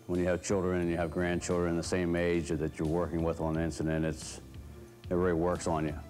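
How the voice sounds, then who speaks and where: Very deep-voiced older American man, music behind. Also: monotone, a little fast, a little mellow. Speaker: retired fire chief. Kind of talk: reflective documentary interview. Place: fire station beside a truck, music behind.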